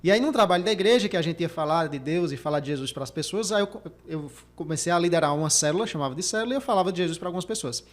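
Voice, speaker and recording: A man from Brazil hosts a motivational career podcast. He talks quickly in a fairly high voice and hammers his points home by repeating them. He sometimes shows off changes of tone as he explains how to speak well. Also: lively intonation. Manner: emphatic, repeats key points, demonstrates vocal techniques. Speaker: career coach and podcast host.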